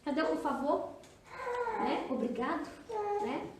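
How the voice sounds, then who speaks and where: A Brazilian woman pastor leads a women's seminar in a church hall, chatty and teasing, often quizzing her listeners. Her high voice moves a little slowly, picked up by a distant mic in an echoey hall with slight background noise.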